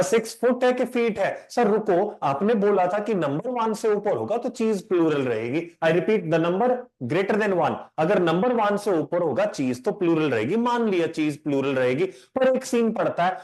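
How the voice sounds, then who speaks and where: Male grammar teacher, slightly high voice, chatty and animated, keeps firing questions at the class. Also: a little slow, few pauses. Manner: lively and conversational, mixes English into Hindi, quizzes students. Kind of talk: live online lecture.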